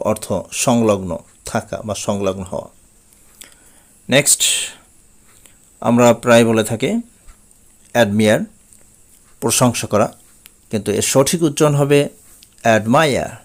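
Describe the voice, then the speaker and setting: A man's voice: medium pitch, normal speed, long pauses. A man with a Bengali accent teaching English pronunciation, saying each word several times and then giving its meaning. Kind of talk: slow, repetitive pronunciation lesson.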